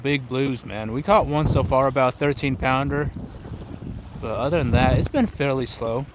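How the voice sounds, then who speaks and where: A young Ukrainian man hosts an outdoor fishing livestream from a windy riverbank, chatting informally with viewers and switching between English and Russian; he learned English after moving to the US. His voice is mid-range at a normal speed, and the recording is muffled with a noisy background.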